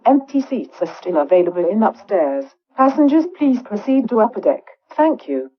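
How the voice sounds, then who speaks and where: A woman reading slow, careful, formal bus announcements played over a PA system. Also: mid-range voice, very animated, slightly rough. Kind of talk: scripted public announcement. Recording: dull lo-fi PA playback.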